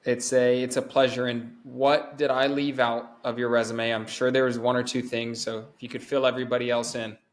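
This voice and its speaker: A man's voice: medium pitch, flat delivery, fairly quick, hardly any pauses. A man hosting an interview podcast, reading an upbeat intro and then asking his guest questions. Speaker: podcast host. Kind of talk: scripted show intro.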